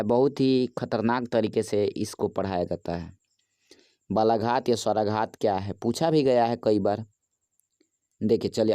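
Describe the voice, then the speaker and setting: A man's voice: lowish voice, mellow, clear, resonant tone, no echo, studio quality. A man, a teacher talking through a quiz lesson in a casual, chatty way and asking viewers for likes.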